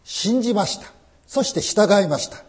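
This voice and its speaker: A man's voice: high voice, animated, moderate pace, a little mellow. A man preaching a sermon as pastor, emphatic and full of rhetorical questions.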